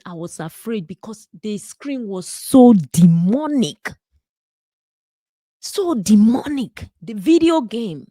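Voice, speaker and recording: A woman's voice: fairly high pitch, warm tone, dry recording. A woman in her thirties from Nigeria with a Nigerian accent, a nurse and minister giving an earnest testimony and preaching, repeating words for stress. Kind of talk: personal testimony and preaching to camera.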